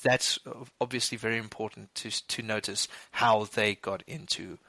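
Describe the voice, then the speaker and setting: His voice is lowish and steady, creaky yet pushed and bright, with no echo. He co-hosts a movie podcast in casual chat, rambling with frequent restarts and quick bursts of laughter.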